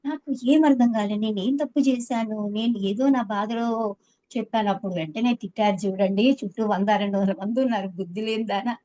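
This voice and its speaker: A woman's voice: medium pitch, brisk, dark tone, poor audio. A woman in her seventies telling a personal story earnestly to an interviewer, acting out the words of others with feeling. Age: 70s. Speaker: meditation teacher.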